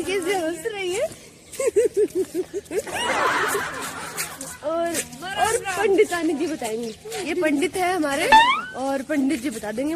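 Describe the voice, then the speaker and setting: A woman's voice: high-pitched, heavy background noise. A young woman from Rajasthan, India, chatting and teasing as she vlogs a village festival morning on her phone. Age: young adult. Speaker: vlogger. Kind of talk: casual vlog commentary. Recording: phone video with loud music and crowd.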